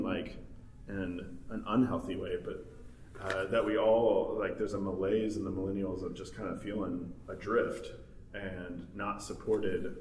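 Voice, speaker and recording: A man's voice: lowish voice, a little mellow. A man in his thirties talking casually in a group discussion, rambling with many fillers and laughs. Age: 30s. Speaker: study group member. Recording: roomy, distant mic, faint noise.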